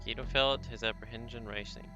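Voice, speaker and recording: A man's voice: mid-range voice, fairly even intonation, fairly quick, dull audio, music in the background. A man streaming a story game, reading its narration aloud in a casual, joking way.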